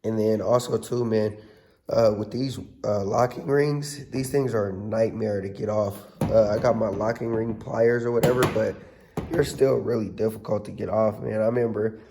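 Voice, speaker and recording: A man hosting a casual car repair vlog in a workshop, talking in a laid-back, slangy way with a hoarse, under-the-weather voice. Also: on the low side, steady tone, moderate pace, mellow, a little hiss or hum.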